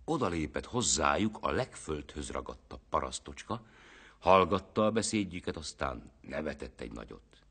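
A man with a very deep, husky voice reads a folk tale aloud. His delivery is animated and expressive, with a wide, lively pitch range that keeps the story moving.

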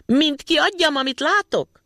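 A man putting on a cheeky tiny boy's high voice. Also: wildly swooping pitch, vocal fry, husky, no echo, clean studio sound, exaggerated voice. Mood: mocking shouts. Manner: shouting, teasing. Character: tiny cheeky boy, bold and mischievous. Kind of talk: storybook reading.

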